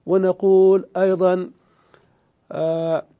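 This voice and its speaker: A man with a high, mellow voice gives a grammar lecture. He moves step by step, asks his own questions and answers them, and stretches out each example word. The recording sounds a little muffled. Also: flat delivery. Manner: draws out example words slowly. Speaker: Arabic grammar teacher.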